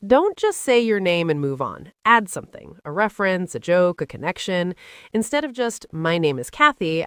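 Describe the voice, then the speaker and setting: An upbeat American English teacher runs a scripted lesson in a playful, teasing manner, her pitch rising and falling widely as she acts out short example lines. The recording is dry and close-miked, with no room sound.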